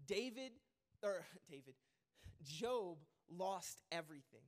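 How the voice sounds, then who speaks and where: A man with a high voice preaching a sermon to his congregation. He keeps it lively and joking, wandering off with fillers and restarts before he gets back on track. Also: takes it slowly.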